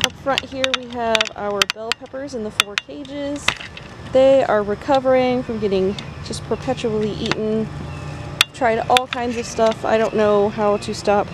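A woman films herself on a handheld phone camera while strolling her backyard vegetable garden outdoors, chatting and naming the plants one at a time. Her voice is fairly high and a touch slow, with noise in the background.

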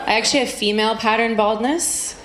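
A woman performing stand-up comedy into a stage microphone, with dry, conversational joking and drawn-out punchlines, to audience laughter. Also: fairly high pitch, fairly bright tone. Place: live comedy venue. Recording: roomy live stage sound with crowd noise.

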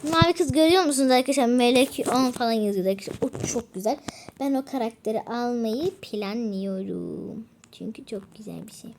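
A woman's voice: a little high, expressive, a little fast, a little mellow, a little hiss or hum. A teenage girl chatting casually over a mobile game she is playing, talking straight to her viewers. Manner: chatty, keeps saying "friends", begs for subscribers; whispers to avoid waking her father. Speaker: gaming vlogger. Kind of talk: casual gameplay commentary.

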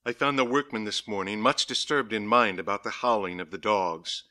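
Male audiobook narrator, lowish pitch, bright forceful tone, measured dramatic reading. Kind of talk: scripted narration of a diary.

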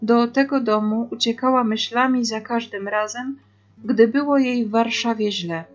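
A woman voicing a kindly grandfather who speaks softly and firmly in a storybook reading. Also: a little high, normal speed, muffled recording, soft background music, natural voice. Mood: reassuring. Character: kindly grandfather, calm and firm.

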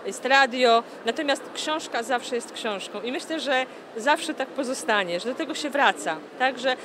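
Speaking at a moderate pace with a high, lively voice, a thirty-something nun from a publishing house gives an earnest interview at her stand in a crowded, noisy indoor book fair hall. She fills her answers with hesitant "e" sounds and "tak?" tags, recorded on a handheld interview mic.

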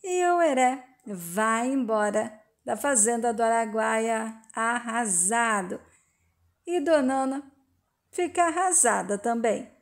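High-voiced woman narrating a recap. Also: takes it slowly. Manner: plain storytelling with "e diz" tags. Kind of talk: reading a telenovela recap aloud.

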